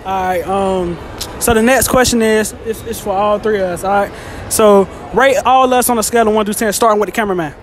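A man's voice: high-pitched, a little hiss or hum. A man hosting a casual street interview, hyped and slangy, joking with his guests outdoors. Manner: hyped slangy banter, quick laughs. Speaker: street interviewer and YouTuber host.

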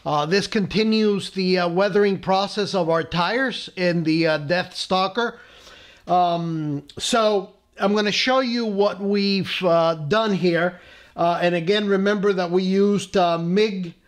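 At an indoor tabletop workbench, a man with a high voice runs a casual tutorial on painting scale models. He's relaxed, dropping plenty of "uh" fillers and friendly asides.

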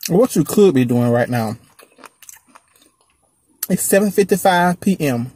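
A man's voice: fairly high pitch, animated, unhurried, a little mellow, breathy edge. A man eating in his car and chatting to viewers in a laid-back way, with his mouth full of food. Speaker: mukbang vlogger. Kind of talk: casual eating vlog talk.

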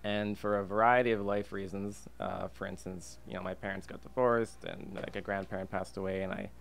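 Speaking fairly quickly in a low, steady voice, a young Canadian from Alberta guests on a podcast recorded in a diner booth, with clear background ambience. He works as a freelance illustrator and designer and keeps the talk casual.

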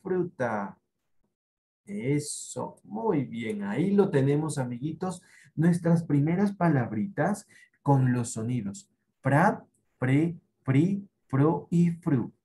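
A man with an Ecuadorian accent teaching young children online, patiently encouraging them and repeating syllables slowly. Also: medium pitch, animated, mellow. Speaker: primary school teacher.

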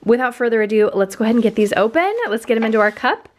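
A young woman vlogging casually at home, chatting to the camera as she explains a cleaning experiment, with relaxed fillers. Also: on the high side, rapid-fire. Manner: chatty, relaxed, frequent fillers like "you know". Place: living room at home.

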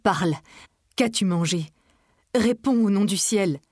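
A woman's voice: medium pitch, slow pace, a little mellow, slightly rough, dry recording, studio quality. A woman reading aloud voices a frantic, grieving husband who pleads and cries out in panic.

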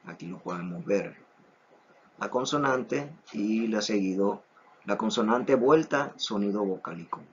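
A man teaching an online Hebrew lesson, slow and deliberate, repeating each word three times so it sinks in. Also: lowish voice, lively intonation, a little hiss or hum. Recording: dull lo-fi recording.

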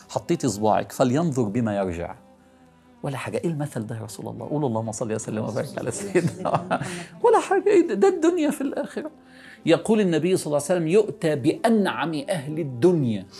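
A middle-aged man with an Egyptian accent giving an earnest, coaxing religious talk, repeating words for emphasis and sinking to a soft hush. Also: mid-range voice, vocal fry. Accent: Egyptian Arabic. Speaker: preacher.

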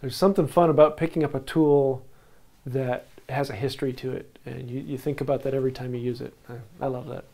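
A man hosting a casual interview, easygoing and quick to laugh. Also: medium pitch, steady tone, gravelly, a little mellow. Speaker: host.

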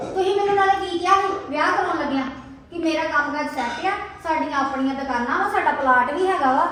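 A very high, sharp voice of an angry young wife, played by a woman, scolding again and again. She is picked up from a distance in a strongly echoing room, with faint noise behind. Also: fast talker. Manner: reproachful, sharp, repeats herself. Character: angry young wife confronting her lying husband. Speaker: wife in a family drama.

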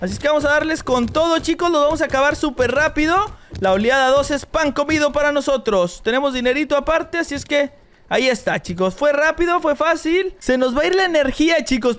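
Very high, excitable young man gaming. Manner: excitable, hypes viewers, repeats phrases. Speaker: gaming host. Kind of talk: excited Roblox gameplay commentary. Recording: faint game music behind. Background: game music.

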